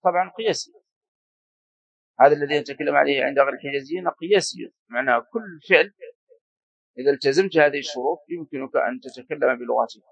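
A man's voice: medium pitch, vocal fry, husky, dry recording. A man teaching a classical Arabic grammar lesson, explaining patiently, repeating forms and prompting a student to continue. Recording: slightly dull lo-fi recording.

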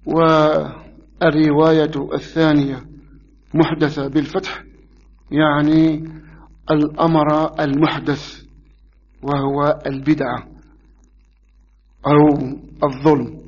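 Measured male hadith teacher, lo-fi. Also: on the high side, level tone. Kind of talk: religious lesson explaining hadith.

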